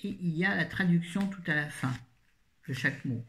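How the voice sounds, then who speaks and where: A woman's voice: lowish voice, normal speed, fairly bright tone. Chatty woman reviewing books. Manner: chatty, rambling, self-correcting, jokey asides. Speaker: book reviewer. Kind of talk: casual book review chat.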